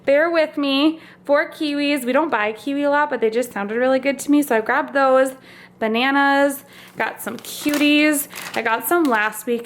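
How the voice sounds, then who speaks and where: A young woman casually talking through her grocery haul as a vlogger, chatty and upbeat, a little out of breath. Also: fairly high pitch. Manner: chatty, upbeat, lists items with fillers like "like" and "um". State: slightly out of breath.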